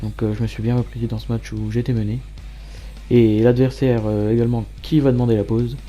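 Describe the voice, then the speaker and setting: A man giving matter-of-fact play-by-play commentary as a gamer over his own match highlights. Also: flat delivery, brisk, warm tone, faint music behind. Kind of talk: gameplay commentary.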